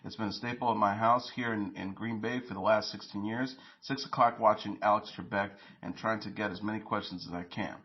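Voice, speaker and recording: A man reads entertainment news as host, his voice sitting low. He carries quotes in the same plain tone, tripping now and then on a word. The recording sounds dull and lo-fi. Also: steady tone, fairly quick, few pauses.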